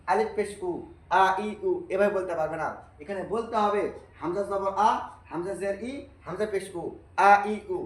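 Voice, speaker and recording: Guy doing quran reading drills, kinda high voice, echoey room. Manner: repeats drills slowly and patiently, asks and answers own questions. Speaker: Quran teacher. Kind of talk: Arabic reading lesson.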